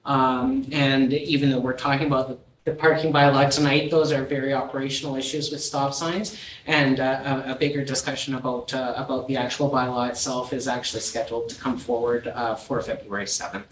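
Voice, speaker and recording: A municipal staff member briefs the council, explaining at length with many fillers and restarts. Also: male voice, medium pitch, level tone, a little fast, fairly bright tone, slight background noise. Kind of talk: council report. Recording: echoey chamber, distant mic.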